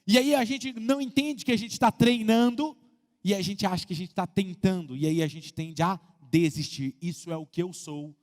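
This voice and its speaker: High-voiced pastor preaching in a hall. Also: male voice, normal speed. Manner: animated preaching, acting out congregants' voices, swinging from loud to hushed. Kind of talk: sermon. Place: church auditorium.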